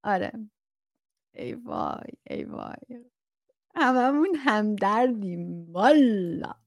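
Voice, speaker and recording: A woman's voice: mid-range voice, sing-song, no room sound, studio quality. A woman chatting casually with her viewers about self-awareness, reading out their comments and laughing often. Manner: chatty, laughs often, mock-strict imitations.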